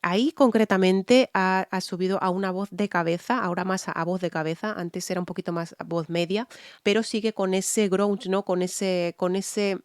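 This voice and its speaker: A vocal coach from Spain, speaking with a Spanish accent, gives a frank and explanatory breakdown of a singer's voice in a reaction video, often checking in with listeners with "¿vale?". Her voice is medium-pitched and steady, at a moderate pace.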